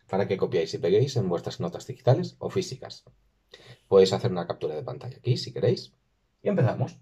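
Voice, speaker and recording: A man talks through a screen-recorded lesson. His voice is low and husky. He slows down to sound out each word with care, and the recording is dull and lo-fi. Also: warm tone. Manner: careful, slows and stresses words when modelling pronunciation. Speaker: language teacher.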